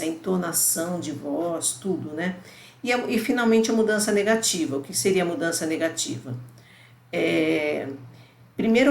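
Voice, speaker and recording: A woman's voice: lowish voice, gravelly. A middle-aged woman, giving a conversational university lecture and explaining step by step, often checking in with the listener. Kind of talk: recorded online lecture. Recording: roomy echo with faint background noise.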